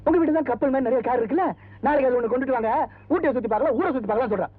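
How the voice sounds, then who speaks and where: A man's voice: extremely high pitch, very fast, no echo. An actor playing a naive, whiny driver who poses as a rich man's son in a film comedy. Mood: flustered. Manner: whiny, flustered. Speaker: comic sidekick in a film scene. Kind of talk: 1990s film comedy dialogue. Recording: tinny, phone-like film audio.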